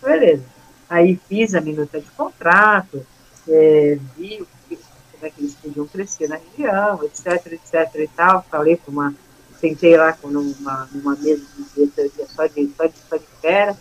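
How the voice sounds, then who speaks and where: A woman, a guest in a casual chat, retelling past events in a lively way and acting out quoted dialogue. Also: sits low, normal speed, poor audio.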